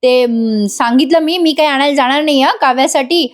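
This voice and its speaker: A woman's voice: high-pitched, a little fast, natural voice. A woman reading the lines of a flustered, irritated young husband in a serial review. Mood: protesting. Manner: irritated, protesting.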